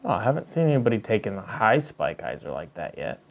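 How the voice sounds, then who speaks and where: A man's voice: fairly low pitch, sing-song, quick pace, creaky. A man giving casual color commentary as a disc golf co-commentator.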